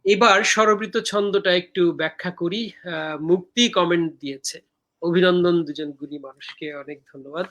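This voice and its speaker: A man hosting a live poetry talk over a video call, explaining verse meter in a measured way with frequent hesitant fillers. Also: sits high, a bit bright. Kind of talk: explaining verse meter and reading viewer comments.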